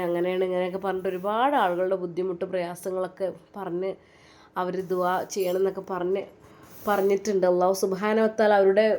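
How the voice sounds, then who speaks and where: Woman storyteller. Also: mid-range voice. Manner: warm, chatty, prayerful asides. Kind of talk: Islamic storytelling.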